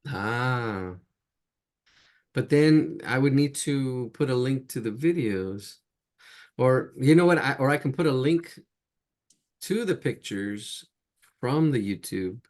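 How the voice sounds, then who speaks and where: A man's voice: mid-range voice, animated, slow pace, pauses often, a little mellow. A man teaching a live online drawing class, chatty and laughing at his own jokes as he sketches. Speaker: drawing instructor.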